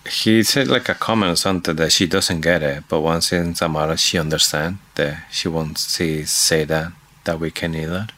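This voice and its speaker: A co-host in a casual book discussion, speaking in short, halting phrases. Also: a bass voice, fairly even intonation, fairly bright tone. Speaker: podcast co-host.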